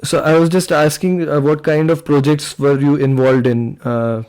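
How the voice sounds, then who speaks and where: A young man hosting an online robotics meetup, talking casually and relaxed, with frequent "like" and "uh". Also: fairly high pitch, normal speed, clean tone. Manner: relaxed, uses "like" and "uh" often. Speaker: meetup host and presenter. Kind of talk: casual online meeting discussion. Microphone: computer mic on a video call.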